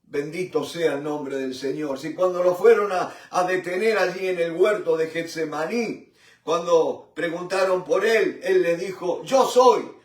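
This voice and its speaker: Fervent male Bible teacher, high voice, halting restarts; echoey distant room recording. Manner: fervent, repeats "mi hermano" and "¿no es cierto?"; halting with restarts, swells and drops in loudness. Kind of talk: Bible study sermon. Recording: roomy echo from a distant mic.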